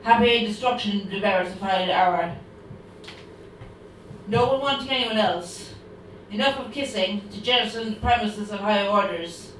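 A woman's voice: medium pitch, moderate pace, fairly bright tone, distant mic, slight background noise. Woman reciting poetry in an echoey room. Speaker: poet reading her work. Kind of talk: poetry reading.

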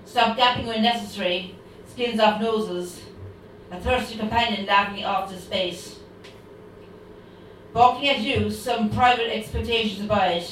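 A woman reciting her own poem in a steady, declamatory way. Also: medium pitch, measured pace, a little hiss or hum. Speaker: poet reading her work. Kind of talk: poetry reading. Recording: distant, very echoey room.

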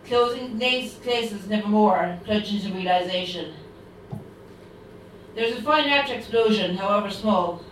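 A woman recites her poem line by line, in a steady and declamatory manner. She is heard from afar in a room full of echo, with a faint hiss. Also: mid-range voice, unhurried. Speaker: poet reading her work. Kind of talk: poetry reading. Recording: distant, very echoey room.

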